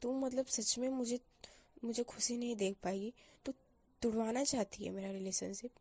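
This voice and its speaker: A woman's voice: fairly high pitch, moderate pace, a little mellow, dry recording. A woman voicing a hot-headed lovestruck college girl. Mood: defensive. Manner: defensive, argumentative. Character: young female college student, lovestruck and quick to anger. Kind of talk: storyteller voicing a character.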